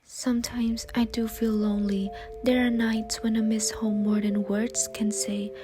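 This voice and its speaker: A young woman from Vietnam, a postgraduate student, reading a reflective personal narration in a soft, often near-whispered voice over faint music. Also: on the high side, level tone, a little slow.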